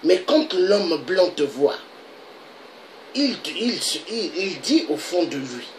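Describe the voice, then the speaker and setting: Man, political video monologue, unhurried, animated declamatory delivery. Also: sits high, a little hiss or hum, poor audio. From Republic of the Congo. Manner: declamatory, with repeated rhetorical questions.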